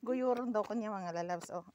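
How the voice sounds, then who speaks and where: A woman's voice: a little high, very noisy. A woman vlogging outdoors on a farm hillside, chatting with her viewers and exclaiming often. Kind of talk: casual vlog chat to viewers.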